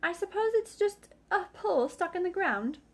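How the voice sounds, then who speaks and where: A woman's voice: very high-pitched, animated, pitched above the performer's own voice. A woman voicing a fussy, self-important male rabbit with a pompous manner. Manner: pompous, brisk.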